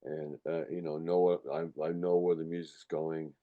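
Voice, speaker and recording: A man's voice: extremely low pitch, flat delivery, moderate pace, phone-quality sound. A man who is a musician, talking casually in an interview in a rambling storytelling way, sweary and emphatic, often checking that the listener follows. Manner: sweary, emphatic, repeatedly checks listener with "you know" and "right". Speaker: musician, songwriter and record producer being interviewed.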